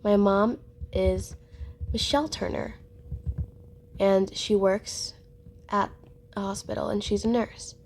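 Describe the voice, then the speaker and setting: A woman's voice: medium pitch, steady tone, slow pace, long pauses, slight background noise. A woman voicing a frightened young girl who has escaped kidnappers, speaking earnestly.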